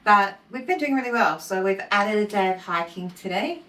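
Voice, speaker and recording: A woman's voice: medium pitch, expressive, normal speed, a bit bright, low-quality recording. A woman chatting upbeat on a mountain hiking trail, talking into a handheld camera. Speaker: travel vlogger. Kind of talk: casual vlog chat. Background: background music.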